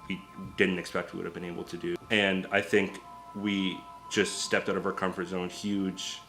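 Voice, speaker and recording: A band member speaking in a low-key, matter-of-fact way in an interview. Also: male voice, little pitch movement, normal speed, gravelly, fairly bright tone, faint music behind. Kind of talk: casual interview answer.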